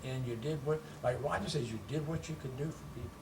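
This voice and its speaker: An elderly male veteran looks back on his wartime service. He speaks plainly and conversationally, as one remembering. The microphone is some way off, with clear noise around him. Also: medium pitch, fast talker. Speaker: war veteran, interviewee. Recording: noisy room, distant microphone.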